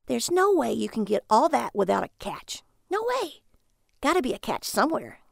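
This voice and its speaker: A woman voicing a hot-tempered, excitable wife with emphatic delivery in an audiobook story. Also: a little high, moderate pace, vocal fry, no echo, clean studio sound, pitched above the performer's own voice, heavily acted. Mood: suspicious. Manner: exclamatory, emphatic.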